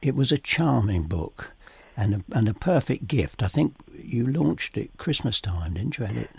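A man hosting a podcast, chatty and relaxed, husky from a summer cold, giving practical gardening advice. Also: medium pitch, moderate pace, no room sound. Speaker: podcast host. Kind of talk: casual gardening chat.

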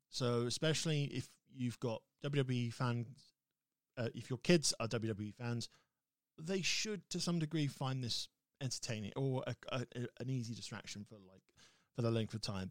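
A man's voice: mid-range voice, normal speed, no echo, studio quality. A man co-hosting a podcast in casual chat, laughing often and restarting his sentences. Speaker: podcast co-host.

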